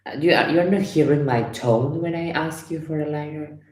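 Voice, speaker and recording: A woman's voice: sits low, a little fast, a little mellow, reverberant, poor audio. A woman from Ecuador, a tarot reader chatting casually on a livestream and telling stories. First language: Spanish. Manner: anecdotal, acts out dialogue, chatty asides. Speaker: tarot reader and live streamer.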